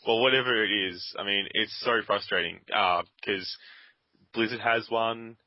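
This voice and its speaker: Grumbling low-voiced man gaming. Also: steady tone, measured pace, no room sound. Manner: rambling, grumbling, sarcastic. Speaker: co-host playing a game. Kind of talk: casual gaming chat. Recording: dull lo-fi dry sound.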